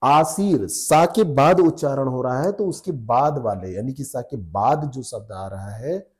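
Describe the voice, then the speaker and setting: Slow, mellow-voiced male Hindi tutor. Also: medium pitch, lively intonation. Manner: patient, repeats each rule, checks with "है ना". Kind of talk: spelling lesson for exam students.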